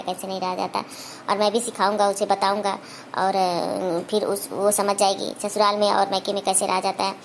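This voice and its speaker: A woman voicing a gentle, patient young husband and son in a cartoon, speaking softly and pleading. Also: a little hiss or hum. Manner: soft, low, pleading. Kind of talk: cartoon voice acting.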